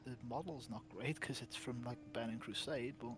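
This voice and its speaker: A man's voice: mid-range voice, normal speed. A man from England with a Liverpool accent, co-hosting a game stream with dry, teasing jokes and whispered asides. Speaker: co-host. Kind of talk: casual gaming stream chat.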